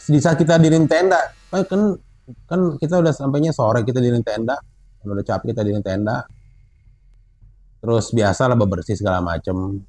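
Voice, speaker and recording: A man casually telling a true story from a mountain hike, growing animated and high as it gets tense. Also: fairly quick, pauses often, no echo. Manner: animated, rising pitch when excited, Jakarta slang. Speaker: storyteller guest.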